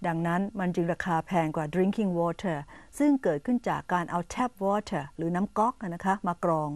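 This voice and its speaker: A woman hosting an educational program, patiently explaining English words to Thai viewers and repeating them slowly and clearly. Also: fairly low pitch, expressive, darkish tone, dry recording. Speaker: English teacher and host.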